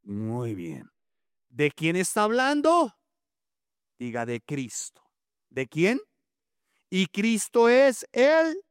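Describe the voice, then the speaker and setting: Slow, lively-pitched pastor, teasing and scolding. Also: male voice, smooth, no room sound, studio quality. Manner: joking, scolding the congregation, drawn-out emphatic reading. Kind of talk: interactive sermon with call-and-response.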